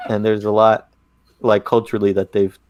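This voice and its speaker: Low-voiced young man, dry close mic. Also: little pitch movement, moderate pace, no room sound, dull audio. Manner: easygoing, hesitant with many "like"s. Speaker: podcast co-host. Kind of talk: casual chat.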